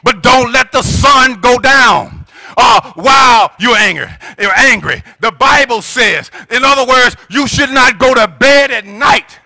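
A middle-aged American man, preaching as a pastor from a church sanctuary pulpit into a gooseneck mic, has a very high, creaky voice and an unhurried delivery. His impassioned sermon is emphatic and exhorting and often swells into shouts. There's no room sound, and the audio is poor.

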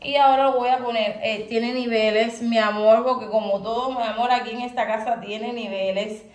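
A young Cuban woman with a Cuban Spanish accent chats expressively to camera from home, calling her viewers "my love." Her voice is on the high side with a darkish tone, and she speaks at a moderate pace with fairly even intonation. The indoor room sounds echoey.

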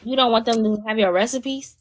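A young woman, chatting playfully and teasing her co-host on a livestream. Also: on the high side. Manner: playful, teasing, quick to laugh. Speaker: TikTok live co-host. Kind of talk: casual chat.

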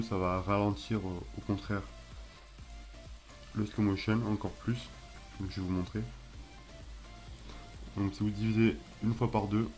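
A young man with a French accent hosting a casual software tutorial, hesitant and self-mocking, with many fillers and restarts. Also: lowish voice. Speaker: tutorial host. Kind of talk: casual screen-recorded tutorial.

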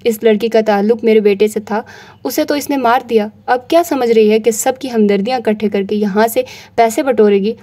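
A woman voicing a spiteful aunt who shouts scornfully in an audiobook drama. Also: on the high side, fairly quick, close to an everyday voice. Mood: furious scorn.

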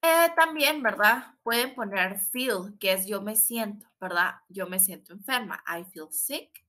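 Bright-voiced woman teaching English. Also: medium pitch. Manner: explains in Spanish, models English words slowly, adds tag questions. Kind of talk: recorded online language lesson.

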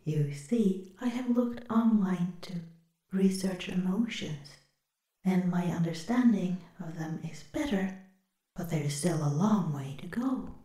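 A woman voicing a gentle cuddle robot new to emotions in an ASMR role-play, speaking hesitantly with careful, formal phrasing. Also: lowish voice, expressive, a little slow, echoey room. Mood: thoughtful. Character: gentle cuddle robot newly discovering emotions, curious and tender.

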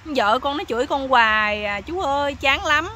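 A woman's voice: high-pitched, lively intonation, normal speed, pushed and bright, a little hiss or hum. A woman doing a meek, naive young husband with a Southern Vietnamese accent. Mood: pleading. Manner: pleading, mournful.

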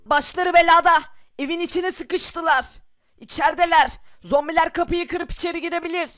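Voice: very high voice, steady tone, normal speed, fairly bright tone, dry recording, studio quality. A performer voicing a lone gunman outside a house who taunts and shoots zombies to save the people inside. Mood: tough.

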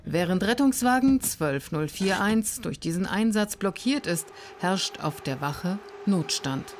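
A woman reading scripted documentary narration in an even, factual way. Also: medium pitch, measured pace, slight background noise.

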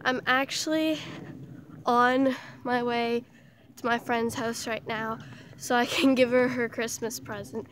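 A young woman from Canada, hoarse with the flu, chatting in a self-mocking way as she vlogs outdoors. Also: a little high, fairly even intonation, measured pace, slight background noise. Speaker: vlogger. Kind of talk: casual vlog while walking outdoors. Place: outdoors in a small town.

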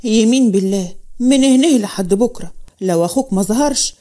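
A woman's voice: fairly high pitch, fairly quick, dark tone, natural voice. A woman with an Egyptian accent voicing an angry older village clan head who speaks in blunt threats. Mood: threatening.

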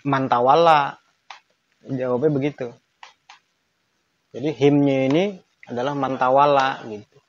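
A man's voice: medium pitch, level tone, measured pace, pauses often, highs cut off. A man giving a conversational online lesson on Quran grammar, emphatic and acting out intonation examples.

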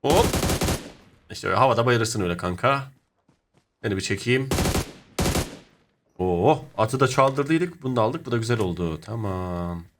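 A young man narrating his own mobile shooter match in casual commentary, muttering to himself and then breaking into sudden excited shouts. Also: on the low side, moderate pace, pauses often, background noise. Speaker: gaming YouTuber. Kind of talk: live gameplay commentary.

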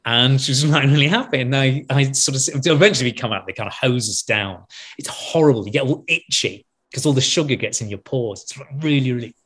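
Husky man telling a wild story. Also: mid-range voice, a little fast. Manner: animated storyteller, acts out quotes, laughs mid-sentence. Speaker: wine expert telling a story. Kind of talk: casual anecdote on a podcast.

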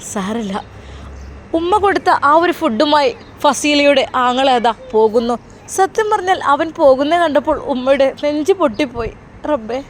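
Woman narrating a sad family story, fairly high voice, heartfelt. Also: a little hiss or hum. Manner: earnest and heartfelt.

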